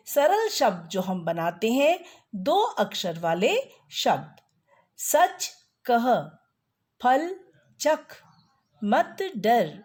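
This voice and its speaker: A middle-aged woman teaching a grammar lesson, pronouncing each syllable carefully and clearly. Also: medium pitch.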